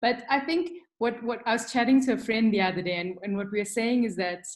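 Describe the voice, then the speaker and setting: Brisk and fairly high-pitched, this middle-aged Durban woman, a creative director, speaks openly as a webinar guest. The chat is casual and comes through a video call, full of ums and restarts.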